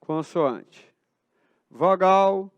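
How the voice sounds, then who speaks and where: High-voiced Brazilian math teacher quizzing class. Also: male voice, expressive, very slow, clear, resonant tone, no echo, dull audio. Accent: Brazilian Portuguese. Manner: asks the class questions and answers them himself. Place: school auditorium.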